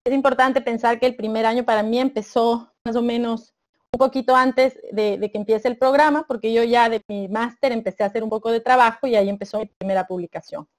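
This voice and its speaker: A woman in her thirties from Ecuador presents her doctoral work over a video call. Her voice sits a little high, and she explains things step by step, pausing and hesitating as she goes. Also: fairly even intonation. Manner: measured, explanatory, with frequent hesitations. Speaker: doctoral student panelist.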